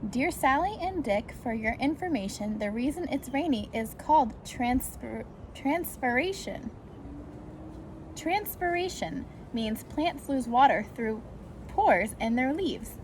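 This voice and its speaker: A volunteer with a high-pitched, expressive, darkish voice reads a rhyming picture book aloud to preschoolers, going a little slowly. Her sing-song storytime reading includes short asides, and the amateur recording is clearly noisy.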